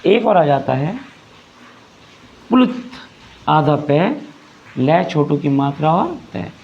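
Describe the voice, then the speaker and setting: A man's voice: fairly high pitch, expressive, takes it slowly, gravelly. A man teaching a grammar lesson, explaining patiently, repeating phrases and asking rhetorical questions. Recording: dull lo-fi recording.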